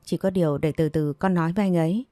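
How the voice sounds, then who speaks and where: A woman's voice: lowish voice, quick pace, mellow, no echo, faint music behind, lightly acted. A woman voicing a defiant young pregnant village woman who argues back and pleads.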